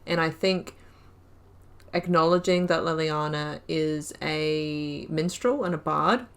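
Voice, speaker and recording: This low, smooth voice is a bit bright and moves slowly. It belongs to a female gaming YouTuber in a relaxed let's play, working through dialogue choices out loud and filling the gaps with ums and likes.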